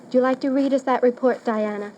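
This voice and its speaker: A woman's voice: high voice, fairly even intonation, a little fast, darkish tone, muffled recording. A woman hosting a children's radio quiz, addressing her audience formally and with careful phrasing. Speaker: quizmaster and host. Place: radio studio. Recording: noisy old radio broadcast recording.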